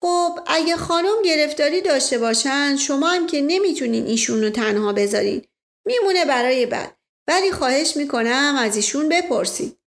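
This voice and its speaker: A woman's voice: high-pitched, animated, voice pushed up. Brief: woman playing a scheming charmer of a nobleman, persuasive and playful, storybook. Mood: coaxing.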